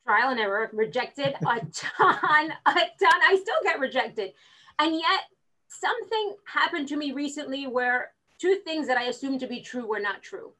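A woman's voice: sits high, normal speed, rough recording. A woman recruiter talking with lots of energy as a guest, acting out conversations as she tells them. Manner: energetic, animated, acts out quotes. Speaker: real estate recruiter, guest. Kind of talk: casual interview chat.

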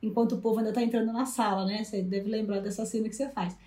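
A Brazilian woman speaking as a guest, telling a story in a lively way and acting out past conversations. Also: medium pitch, racing. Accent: Brazilian Portuguese. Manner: animated, acts out past dialogues. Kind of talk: casual storytelling interview. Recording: roomy echo.

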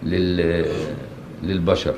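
A man's voice: deep voice, level tone, slow pace, darkish tone. A man with an Egyptian accent giving a colloquial religious lesson in a mosque, often asking rhetorical questions and checking that listeners follow. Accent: Egyptian Arabic. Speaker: religious teacher. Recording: echoey mosque, faint noise.

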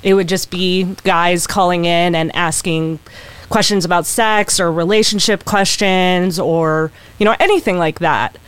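Woman, from California, podcast guest, smooth clear voice, friendly, hesitant. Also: on the low side, steady tone, unhurried, no echo, low-quality recording. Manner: friendly, hesitant with many ums. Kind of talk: casual podcast chat.

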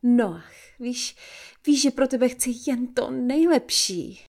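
A woman's voice: fairly high pitch, animated, darkish tone, pitched above the performer's own voice. A woman reading an audiobook, voicing a cheerful, persuasive mother who talks her teenage daughter around. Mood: coaxing. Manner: coaxing and upbeat.

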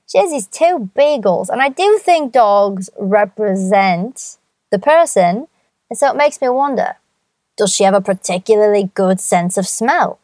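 A woman's voice: mid-range voice, expressive, a little slow, a little mellow, no room sound. A woman hosting her own podcast, talking in a playful, theatrical way with jokey asides. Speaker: podcast host. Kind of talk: chatty solo podcast monologue.

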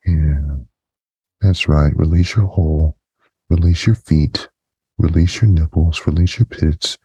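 A man speaking through a voice effect that pitches him very deep, in a slow, murmured, commanding intimate monologue. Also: dark tone, slightly rough. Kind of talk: intimate erotic hypnosis monologue. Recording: dull lo-fi dry recording.

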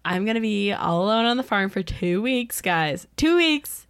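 A woman's voice: medium pitch, lively intonation, normal speed, clean tone, no room sound, clean studio sound. A young woman co-hosting a casual podcast chat, giggly and self-deprecating. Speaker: podcast co-host, florist.

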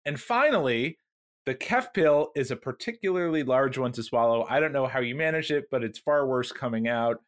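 A man co-hosting a podcast, reading listener emails aloud with joking deadpan asides in casual chat. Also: medium pitch, normal speed. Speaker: podcast co-host.

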